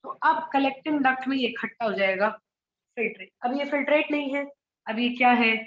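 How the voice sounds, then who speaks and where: A high-pitched woman teaches a school biology lecture, explaining each step and stopping to ask rhetorical questions. Her voice rings in an echoey room. The recording sounds muffled and dull. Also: fairly quick, fairly bright tone. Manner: explains in mixed Hindi and English, asks rhetorical questions.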